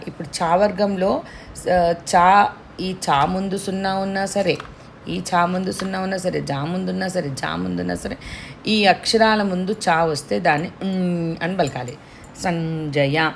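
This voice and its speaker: A woman teaching pronunciation, drawing out syllables slowly to demonstrate them. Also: on the low side, gravelly, slight background noise. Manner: slow demonstrative enunciation of syllables. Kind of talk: pronunciation lesson.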